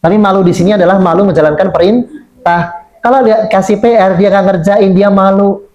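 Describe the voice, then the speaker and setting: Guy teaching islam to teachers, kinda high mellow voice, acts out kids, muffled recording. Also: fairly quick. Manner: lively, acts out children's quoted speech. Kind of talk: religious lecture to teachers.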